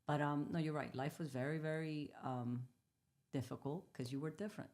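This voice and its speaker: A woman's voice: deep voice, normal speed. A woman in her fifties from the Dominican Republic, a native Spanish speaker, telling her story candidly as an interview guest. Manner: candid storytelling, animated retellings. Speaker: guest entrepreneur. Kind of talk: casual interview conversation.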